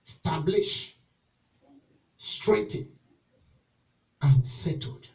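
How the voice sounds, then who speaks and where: High-voiced man preaching a sermon. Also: animated, extremely slow, creaky, far from the mic, low-quality recording. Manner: preaching, swings between shouted exhortation and quiet pleading. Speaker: pastor. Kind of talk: sermon with call and response. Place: church service.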